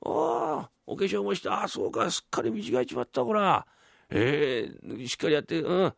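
A rowdy, soft-hearted townsman, as a rakugo teller puts him on, a young man who talks in rough, chummy old Tokyo downtown slang. His voice is raised and gravelly and leaps up and down with every line. The sound is close and dry. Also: a little high, big pitch swings, normal speed, no room sound, voice pushed up, heavily acted. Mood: tender. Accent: old Tokyo downtown speech. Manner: coarse, blunt, chummy street talk. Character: brash, warm-hearted common townsman brother, young adult man. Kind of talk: rakugo storytelling.

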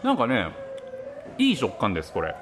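A man's voice: medium pitch, wildly swooping pitch, moderate pace, noisy background. A man interviewing as a food reporter in a conversational, inquisitive way, often repeating and summing up what he is told.

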